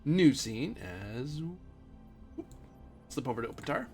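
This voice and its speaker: A man running a tabletop role-playing game as game master, rambling and restarting often, trailing off quietly at the ends of his sentences. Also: fairly high pitch, sing-song, a little slow, faint music behind.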